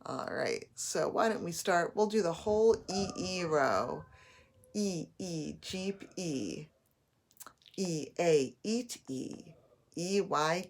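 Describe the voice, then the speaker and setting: A woman teaching a phonics and spelling lesson, patiently sounding out letters and words. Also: low voice.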